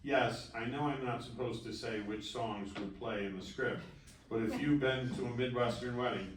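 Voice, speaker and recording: A man's voice: medium pitch, steady tone, moderate pace. A man reading stage directions aloud at a table read, with dry asides. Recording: roomy distant live room recording, faint noise.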